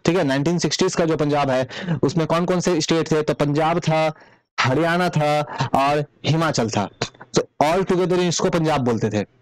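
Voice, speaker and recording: A man's voice: a little high, moderate pace, no room sound, low-quality recording. A man teaching exam multiple-choice answers, explaining step by step and repeating key points, mixing English terms into his Hindi. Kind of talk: exam prep lecture.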